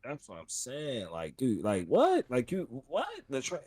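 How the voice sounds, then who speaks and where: Very animated man in slangy banter. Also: medium pitch, measured pace, slightly rough, no room sound, studio quality. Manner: slangy, emphatic, repeats phrases. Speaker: podcast co-host. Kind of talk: casual podcast banter.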